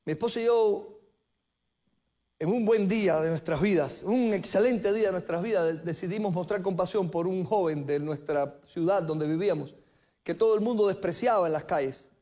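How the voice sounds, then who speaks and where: A middle-aged man with a notably high-pitched voice delivers a sermon from a church pulpit. He preaches earnestly, repeating phrases and slowing down to press his key points home. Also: dark tone. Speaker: pastor. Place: church sanctuary.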